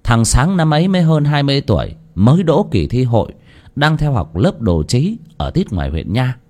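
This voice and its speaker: A man's voice: medium pitch, very animated, moderate pace, a little mellow. A man narrating a horror story with dramatic, varied storytelling.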